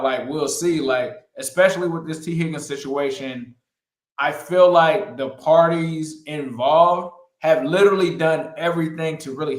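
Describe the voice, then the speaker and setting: Mid-pitched man in an echoey room. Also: a bit bright. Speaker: sports podcast co-host. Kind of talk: casual sports talk.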